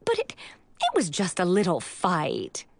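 A woman's voice: fairly low pitch, wildly swooping pitch, unhurried, gravelly, no echo, full character voice. A woman voicing a defensive middle-aged aunt who stammers and turns tearful. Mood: flustered.

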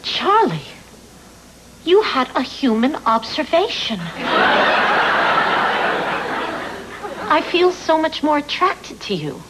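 Prim, earnest, expressive sitcom woman. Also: high voice, measured pace. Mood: amazed, smitten. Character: earnest, prim, cultured woman, smitten but exasperated. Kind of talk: sitcom acting before an audience. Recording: noisy TV soundtrack, loud studio audience.

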